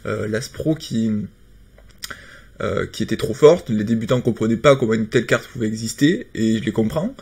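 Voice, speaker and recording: Husky, hesitant male game commentator. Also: fairly low pitch, expressive, normal speed, a little mellow. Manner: hesitant, many fillers and restarts. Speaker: card game video commentator. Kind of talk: casual patch-notes commentary.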